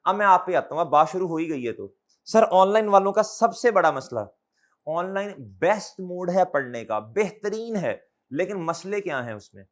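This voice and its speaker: A man's voice: sits high, lively intonation, moderate pace. A male accounting lecturer with a Pakistani Urdu accent, talking to his class in a fatherly, scolding way and firing questions back at the students for a chorus answer.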